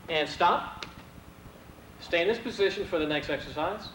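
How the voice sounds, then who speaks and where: A man leading stretching exercises with calm, steady commands and counted reps, heard from a worn VHS tape copy. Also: sits high, normal speed, echoey room, slight background noise, low-quality recording. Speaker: martial arts instructor.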